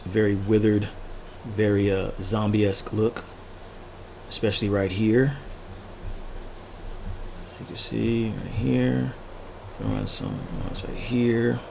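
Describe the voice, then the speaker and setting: Sketching as he talks, a tutorial-hosting illustrator thinks aloud in brief, relaxed fragments, his low gravelly voice a little mellow. His voice is going and he keeps clearing his throat, with slight background noise in this casual drawing lesson.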